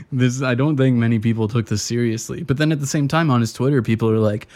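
A man's voice: mid-range voice, lively intonation, a little fast, a little mellow. A man co-hosting a casual podcast chat, laid-back and slangy. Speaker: podcast co-host.

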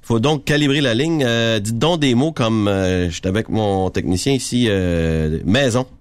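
A man with a Quebec French accent making a prank phone call, posing as a phone company engineer in a mock-official, deadpan way. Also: lowish voice, normal speed, clean tone, dry recording. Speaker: prank caller.

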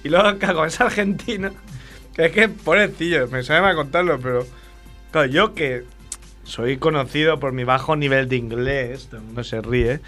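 A man from Spain with a Spain Spanish accent, telling a funny story in casual banter and acting out the dialogue. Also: on the high side. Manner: animated storyteller, acts out dialogue.

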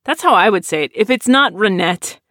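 A podcast host in their late thirties answers listener questions in a loose, chatty way. They wander into tangents and poke fun at themselves. The voice sits at a middling pitch and is recorded dry, with no room sound. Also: lively intonation, fairly quick, sharp tone, no room sound. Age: 30s. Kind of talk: casual chat.

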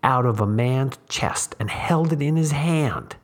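A man's voice: mid-range voice, unhurried, voice pushed up, natural voice. A man voicing a young one-armed drifter with a firm, nasal voice who talks in a preaching way in a story reading. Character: young one-armed tramp, composed, dissatisfied. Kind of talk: audiobook reading.

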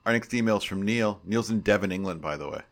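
A man's voice: fairly low pitch, fast talker. A man in his forties co-hosting a casual podcast, reading listener emails and arguing his opinions in a loose, playful way. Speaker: podcast co-host.

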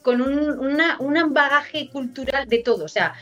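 A woman Spanish teacher chatting as a podcast guest, telling stories in an animated way with many restarts. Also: high voice, unhurried, faint music behind. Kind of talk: casual chat.

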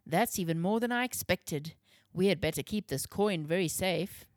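A woman reading a calm, friendly dad. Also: lowish voice, moderate pace, dry recording, studio quality, natural voice. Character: calm, friendly father on a family trip. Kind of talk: storybook reading.

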